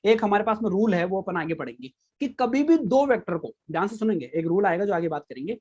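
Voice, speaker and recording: A man's voice: high voice, lively intonation, fast, darkish tone, husky, lo-fi sound. Repetitive quizzing male physics teacher. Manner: repeats key points, quizzes students with questions. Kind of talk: live online class lecture.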